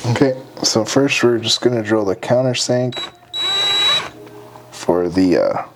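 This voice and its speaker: A man giving a casual hands-on how-to, talking haltingly as he thinks aloud while working. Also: fairly low pitch, noisy background. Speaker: host of a hunting and craft how-to show. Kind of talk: casual hands-on tutorial narration.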